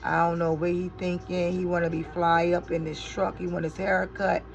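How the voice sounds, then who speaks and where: A middle-aged woman chatting casually to her viewers while doing her makeup, telling stories in an animated, exasperated way and swearing when frustrated. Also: fairly low pitch, moderate pace, gravelly, soft background music, rough recording. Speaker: beauty vlogger and mother.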